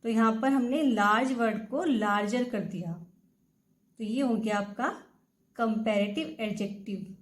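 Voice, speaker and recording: A woman teacher explains a grammar lesson in a fairly high voice. She speaks slowly and reads each example carefully before translating it. She keeps asking simple questions and then answers them herself. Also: rough recording. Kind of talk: bilingual classroom explanation.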